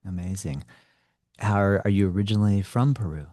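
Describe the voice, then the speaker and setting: A man's voice: lowish voice, brisk, warm tone, no room sound, studio quality. A man hosting an interview podcast, chatting casually with many fillers. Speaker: podcast host.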